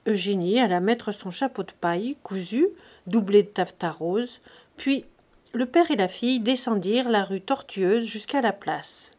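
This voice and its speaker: A woman reading a classic novel aloud in a measured, even audiobook narration. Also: medium pitch.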